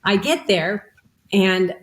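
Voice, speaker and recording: Animated woman telling a personal story. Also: mid-range voice, slow pace, poor audio. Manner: animated, acts out quoted voices, self-mocking. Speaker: podcast guest.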